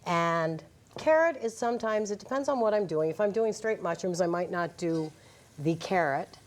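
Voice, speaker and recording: A woman's voice: lowish voice, lively intonation, moderate pace. A woman guest cook demonstrating a recipe on a TV kitchen set, encouraging and explaining each step. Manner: encouraging, explains as she works. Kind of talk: cooking demonstration. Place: TV studio kitchen.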